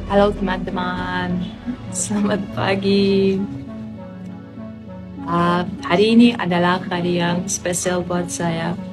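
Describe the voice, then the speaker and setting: A woman's voice: on the low side, level tone, slow, pauses often, music in the background, poor audio. A young woman from Poland with a Polish accent, speaking as a foreigner in a learned language with some hesitation, in a casual vlog. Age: young adult. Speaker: vlogger, master's student.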